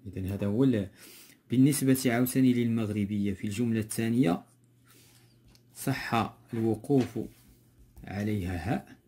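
A man's voice: on the low side, normal speed, long pauses, dark tone, husky. A man with a Moroccan accent teaching a textbook grammar lesson, going step by step and repeating key words.

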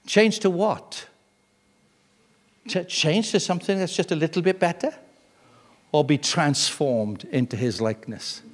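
Male preacher in his sixties, fairly high voice, church reverb; sermon with urgent swells and quiet asides. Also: unhurried, pauses often. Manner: swings from loud urgent emphasis to hushed intimate tones. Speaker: guest preacher.

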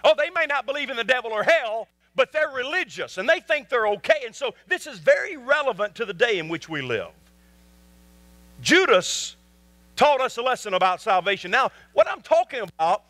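High-voiced, bright emphatic preacher man. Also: dry recording. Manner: emphatic preaching with repeated rhetorical questions; swings from soft asides to loud high peaks. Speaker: pastor. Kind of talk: sermon.

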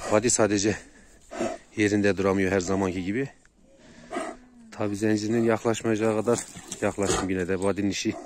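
A man vlogging outdoors near a valley, calmly coaxing and commanding his dogs with short soothing words. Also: lowish voice. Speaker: dog owner vlogger. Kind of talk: casual outdoor vlog. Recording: noisy outdoor recording. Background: dogs barking.

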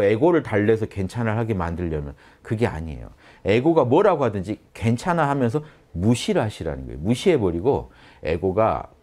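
A man teaching meditation in a lively spoken lecture, often acting out the inner voice in quoted asides. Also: fairly low pitch. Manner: addresses listeners directly, animated.

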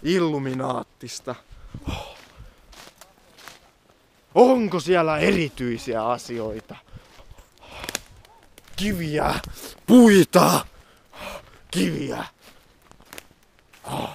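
A man's voice: fairly high pitch, animated, gravelly, pauses often, a little hiss or hum. A young man talking casually outdoors in a forest, joking in a mock-dramatic nature-guide manner as he films his walk. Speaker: vlogger. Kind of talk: casual outdoor vlog commentary.

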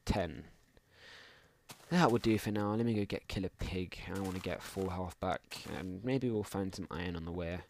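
A young man with a lowish voice rambles and mutters as he plays, trailing off into half-finished asides. His homemade recording carries a clear hiss and faint clicking in the background. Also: moderate pace, darkish tone. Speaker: gaming channel host. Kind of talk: casual let's play commentary.

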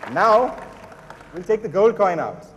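High-pitched playful man, party magician patter. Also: sing-song, measured pace, a bit bright, dull audio, some chatter behind, slight background noise. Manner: playful, showy, instructing the audience. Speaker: stage magician. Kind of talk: kids party magician style stage patter with magic words. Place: large auditorium stage before an audience. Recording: echoey hall, long reverb, faint music.

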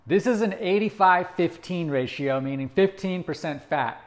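A man's voice: sits high, moderate pace. Upbeat man explaining a recipe. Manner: upbeat, explanatory, talks to camera. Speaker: cooking video host. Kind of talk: cooking demonstration. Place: home kitchen, indoors.

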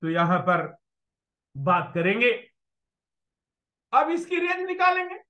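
A man teaching maths in an animated, storytelling way, at times raising his voice. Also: very high-pitched, slow. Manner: animated, storytelling, bursts of shouting. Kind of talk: animated classroom lesson with anecdotes.

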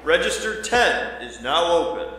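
A man plays a male store announcer making a supermarket loudspeaker announcement, his formal, slightly high voice booming and echoing through the store from far off. Noise hangs under the call. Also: sing-song, measured pace. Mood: announcing.

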